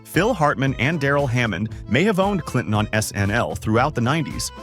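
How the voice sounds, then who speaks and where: A man's voice: mid-range voice, very animated, a little fast. A man reading hyped-up scripted narration. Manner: upbeat, hyped-up delivery. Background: faint background music.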